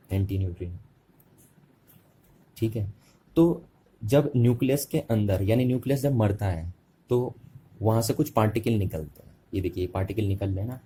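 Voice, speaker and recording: Low-voiced man teaching physics. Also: warm tone, slight background noise. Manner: repetitive, asks questions and answers them himself; slows to dictate notes word by word. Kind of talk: classroom-style physics lecture.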